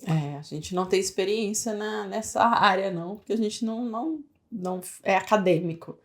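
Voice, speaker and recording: Casting note: woman from Brazil, co-host, mid-pitched, thinks aloud with restarts. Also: normal speed. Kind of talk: casual chat.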